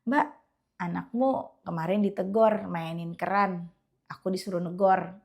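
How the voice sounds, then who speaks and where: A young woman giving a casual, animated religious pep talk to her viewers. She often slips into quiet quoted prayers. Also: on the low side, measured pace, vocal fry. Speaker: religious content creator.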